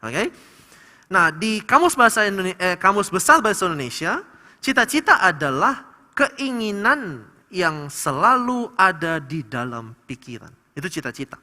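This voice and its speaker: A man with a Manado accent preaching a sermon, animated and acting out little dialogues between parents and children. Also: high voice, normal speed. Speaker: pastor. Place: large church hall. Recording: long church hall reverb.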